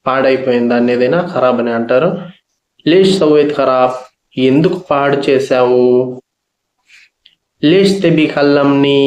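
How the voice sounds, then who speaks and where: Slow, patient male language teacher. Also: mid-range voice, darkish tone, roomy sound. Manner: slow, patient, repeats each phrase and its meaning. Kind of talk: spoken language lesson.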